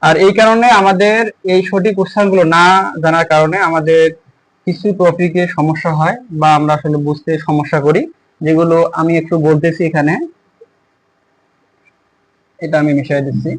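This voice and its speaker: High-voiced man teaching English letters. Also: steady tone, low-quality recording. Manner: halting, repeats words while writing on a board. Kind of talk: spoken language lesson.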